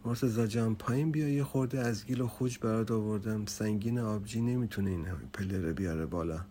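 A man's voice: fairly low pitch, warm tone, a little hiss or hum, natural voice. A man voicing a kindly, insistent older uncle in a raised, coaxing tone.

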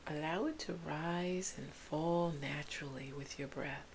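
A woman guiding a sleep meditation in a soft, soothing spa-like whisper. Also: sits low, a little slow, creaky. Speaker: meditation guide. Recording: hissy background noise.

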